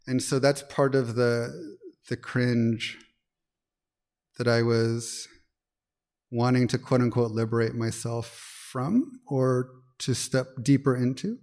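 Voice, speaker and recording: A man in conversation, thinking aloud as he goes. His voice sits at an ordinary middle pitch, and he circles back on his phrases while he works toward an idea. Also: slow pace, a little mellow. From Peru. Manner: thoughtful, searching, many restarts and fillers. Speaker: poet, interview guest. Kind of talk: reflective conversational talk.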